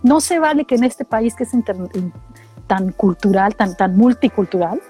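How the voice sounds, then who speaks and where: A middle-aged woman from Mexico with a Mexican accent, telling animated, slangy stories in casual chat and acting out what people said. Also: mid-range voice, normal speed, breathy edge, soft background music. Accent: Mexican Spanish. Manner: animated storytelling, slangy, acts out quotes.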